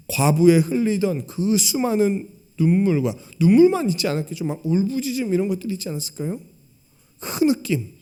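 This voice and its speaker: A man preaching, with a somewhat high voice that swings widely up and down. He talks to the congregation in a chatty way and keeps asking them questions. He acts out quoted lines and sometimes drops to a near whisper. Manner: conversational, asks the congregation questions. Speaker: pastor. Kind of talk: sermon.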